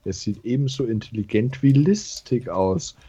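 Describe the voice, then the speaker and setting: A man's voice: mid-range voice, normal speed, dark tone, breathy edge, dry recording. Man reading game text in a dull, dry recording. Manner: reads long passages aloud, stumbles and comments. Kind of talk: let's-play reading and chat.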